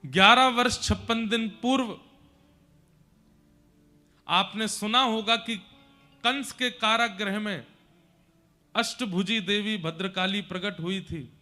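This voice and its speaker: A man narrating devotional scripture stories with dramatic, emotive delivery. His voice is high and bright, with faint devotional music playing behind him. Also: slow pace, long pauses. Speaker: religious storyteller.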